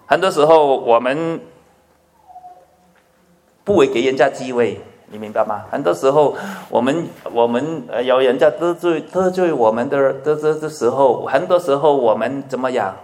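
A man preaching a sermon in an animated way. He swings between loud emphasis and hushed asides, asks his listeners many questions, and drops English words into his speech. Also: medium pitch, normal speed. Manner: asks the audience frequent rhetorical questions. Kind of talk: sermon to a congregation.

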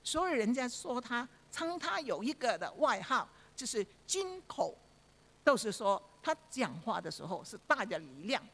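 A woman's voice: on the high side, very animated, normal speed, fairly bright tone. A woman preaching a sermon, telling a story with rhetorical questions to her listeners and frequent fillers. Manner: frequent fillers and repeated phrases.

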